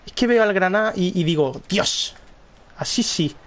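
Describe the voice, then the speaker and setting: A young man with a Spanish accent casually commenting on his football game, excitable, often repeating words and shouting at plays. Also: high-pitched, normal speed. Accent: Spanish (Spain). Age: young adult. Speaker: gaming streamer. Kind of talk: casual live gameplay commentary.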